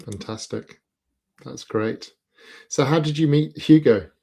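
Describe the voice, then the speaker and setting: A man's voice: medium pitch, takes it slowly, vocal fry, dark tone, breathy edge. A man hosting an interview, giving brief encouraging replies and passing on questions from the audience. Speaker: host. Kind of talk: interview host.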